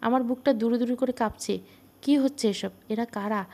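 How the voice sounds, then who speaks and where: A woman narrating a first-person story in a calm, steady reading voice. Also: on the high side, moderate pace.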